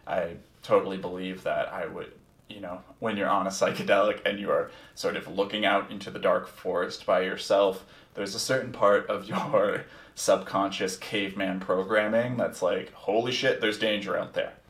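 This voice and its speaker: A man's voice: deep voice, fairly even intonation, moderate pace, a bit bright. A man telling a personal story in a casual, candid way. He is reflective, swears freely and uses plenty of ums. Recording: echoey room, distant from the mic.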